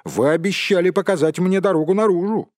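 A small male hobbit, voiced by a male storyteller, pitched up and louder than the narration. He insists and demands, trying hard to sound sure of himself. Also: a little fast, no echo, clean studio sound, close to an everyday voice. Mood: insistent. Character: small male hobbit, tense but stubborn.

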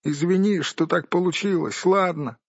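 A man voicing a timid, hurt male hobbit with a squeaky, plaintive voice. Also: normal speed, slightly rough. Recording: dull dry recording.

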